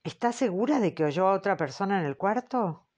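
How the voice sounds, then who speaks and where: Formal male interrogator, measured and patient; woman audiobook reader doing him. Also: mid-range voice, animated, darkish tone, lightly acted. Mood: probing. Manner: slow, formal, questioning. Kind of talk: audiobook character reading.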